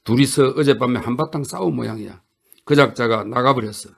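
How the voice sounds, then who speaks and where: A distraught husband pleads in choked bursts, as a male audiobook reader voices him with a gravelly edge. He sounds shaken and helpless, a storybook figure. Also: medium pitch, fairly quick. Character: distraught grieving husband, a man.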